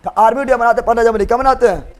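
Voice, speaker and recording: A man's voice: very high-pitched, steady tone, very fast. A man teaching a general knowledge revision class, drilling students with call-and-response and teasing them in colloquial speech.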